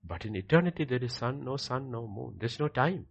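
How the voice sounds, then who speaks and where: A man's voice: mid-range voice, lively intonation, a little fast, creaky, slightly rough, muffled recording. A man with an Indian accent preaching as a pastor in an emphatic, repetitive, conversational way with rhetorical questions.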